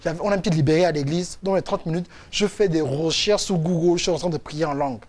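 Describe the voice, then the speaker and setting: A man's voice: a little high, quick pace. A man from France, a coach giving a motivational faith testimony and acting out the people in his stories. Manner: animated storytelling, acts out quotes. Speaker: coach and speaker.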